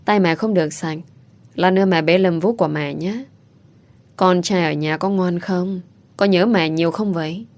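A loving young mother speaks gently and politely to her son, as a woman reads her lines. Her low voice stays calm and warm-hearted in tone. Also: moderate pace, natural voice.

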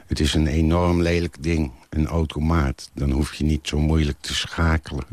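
A man's voice: rumbling low, flat delivery, moderate pace, darkish tone, no room sound. A man reading a literary text aloud in a plain, matter-of-fact way.

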